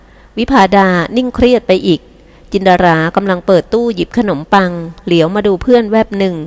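Lady reading a novel out loud, calm steady audiobook narration, mid pitch. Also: brisk. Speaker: audiobook reader. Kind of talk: scripted narration.

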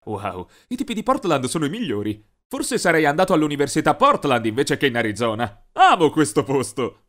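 A man narrating an animated story in a scripted, expressive way. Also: fairly high pitch, a little fast. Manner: lively, expressive.

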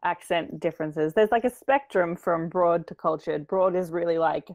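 A woman's voice: lowish voice, normal speed, a little mellow, dry recording. A young woman from Australia with a cultured Australian accent, chatting as a podcast guest while she has a cold and laughs often. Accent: Australian, cultured end. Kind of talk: casual chat.

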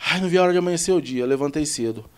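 A podcast guest and truck driver from the São gives an animated, rambling account of a long personal story in a casual conversation, repeating what people said. His voice is smooth and on the high side, and he speaks very fast.

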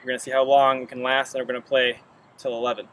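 A man coaching a tennis drill outdoors, talking casually and getting excitable between points. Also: mid-range voice, quick pace. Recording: outdoor court with loud street noise.

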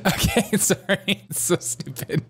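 A man's voice: sits high, husky. A man in his thirties giving sarcastic, mocking comedic news commentary from a small room, speaking into a desk microphone. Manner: mocking, laughing, drawn-out spelling. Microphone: desk microphone on camera.

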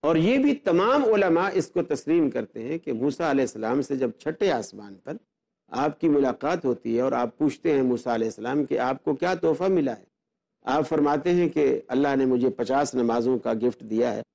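A man speaking as an Islamic scholar, explaining belief in an earnest, step-by-step way. His voice sits a little high but sounds dark and mellow, and he often poses rhetorical questions to make his case. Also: creaky. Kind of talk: religious explanatory talk.

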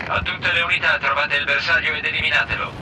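A man's voice: fairly high pitch, fairly even intonation, fast talker. A man voicing a male military control-station operator who gives clipped, commanding orders over a radio transmission in a video game. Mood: urgent. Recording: distant voice under loud game noise.

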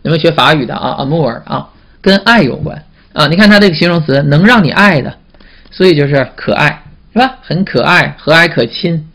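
Man, teacher, vocabulary lesson, slightly high voice, call-and-response questions. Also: animated, vocal fry, a bit bright. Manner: repetitive, drawn-out "啊" fillers and call-and-response questions. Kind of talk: classroom vocabulary lecture.

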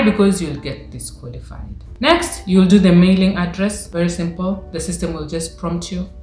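A young woman talks through an explainer vlog in a low, animated voice, asking lots of rhetorical questions. She is recorded in a small echoey room, with faint guitar music underneath. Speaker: vlogger.

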